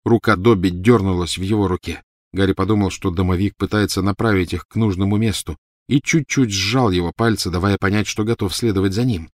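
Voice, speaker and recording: Low-voiced male audiobook narrator. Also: brisk, no echo, clean studio sound. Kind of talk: scripted narration.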